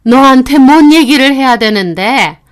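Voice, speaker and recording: A woman voicing a domineering older mother-in-law who shouts and scolds her daughter-in-law. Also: high-pitched, animated, unhurried, pitched above the performer's own voice. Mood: shrill scolding.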